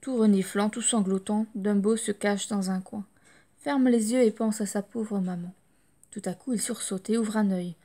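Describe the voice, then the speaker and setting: A woman reading a children's storybook aloud, lively and expressive. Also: medium pitch, normal speed. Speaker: audiobook storyteller.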